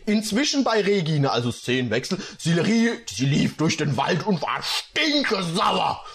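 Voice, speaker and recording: A man's voice: fairly high pitch, big pitch swings, unhurried, vocal fry, fairly bright tone, husky. A man reading bad fan fiction aloud and mocking it with sarcastic comments.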